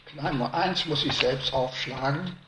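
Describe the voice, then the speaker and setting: A man preaching a sermon to a congregation, slow and emphatic, rising to loud stresses and dropping to hushed lines. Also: mid-range voice, reverberant, heavy background noise.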